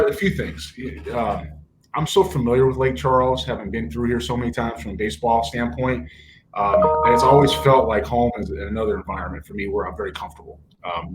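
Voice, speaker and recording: A man's voice: fairly low pitch, slight background noise, rough recording. A man being interviewed, talking earnestly with many fillers and restarts as he tells stories and acts out quoted dialogue. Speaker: interview guest, baseball executive. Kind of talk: casual interview storytelling.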